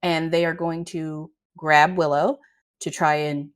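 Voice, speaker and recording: Female tabletop game master, lower register, informal improvised narration. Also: level tone, unhurried.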